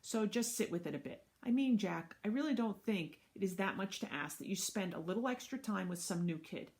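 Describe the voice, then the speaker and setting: A woman voicing a caring mother who gently but firmly coaxes her young son, a little higher than her narration. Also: animated, fairly quick, close to an everyday voice. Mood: coaxing. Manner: gentle but firm coaxing.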